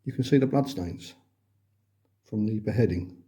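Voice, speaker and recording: A man's voice: on the low side, normal speed, dark tone, dry recording. A man giving casual, matter-of-fact, off-the-cuff sightseeing narration, recorded on a phone out on location. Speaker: holiday vlogger. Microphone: handheld phone. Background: clear ambient noise, sometimes rain.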